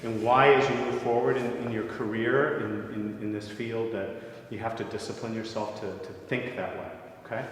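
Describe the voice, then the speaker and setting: A man's voice: fairly low pitch, steady tone, moderate pace. Man teaching voice in an echoey hall. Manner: conversational, often checks in with "right?". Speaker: voice teacher leading a masterclass. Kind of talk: masterclass teaching. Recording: echoey hall with long reverb, faint noise.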